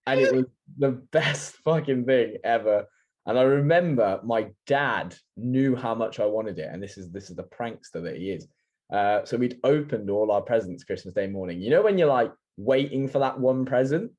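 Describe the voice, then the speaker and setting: Animated young Englishman telling stories. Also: mid-range voice, normal speed, highs cut off. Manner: animated storytelling, swears, laughs often. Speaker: podcast co-host. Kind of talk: casual chat. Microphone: video call.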